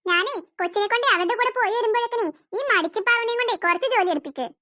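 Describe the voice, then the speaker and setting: A woman voicing a sharp-tongued cartoon grandmother with aching legs. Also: very high-pitched, very fast, no echo, studio quality. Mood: scolding. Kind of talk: cartoon dubbing.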